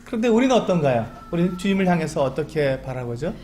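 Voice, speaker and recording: A man's voice: fairly high pitch, big pitch swings, fast talker, a little mellow, a little hiss or hum. A man preaching a Sunday sermon as pastor, asking rhetorical questions and acting out little pleas in a chatty way. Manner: acts out quoted pleas to God. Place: church sanctuary.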